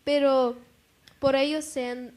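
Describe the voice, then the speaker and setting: A woman's voice: sits high, flat delivery, takes it slowly, a little mellow. A woman speaking earnestly in a casual discussion about faith.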